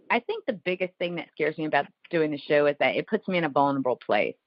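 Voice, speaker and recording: Low-voiced woman with an Appalachian accent. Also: dry recording, muffled recording. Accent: Southern Ohio Appalachian. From Southern Ohio Appalachia, United States. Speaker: podcast host and coach. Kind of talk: conversational podcast introduction and chat.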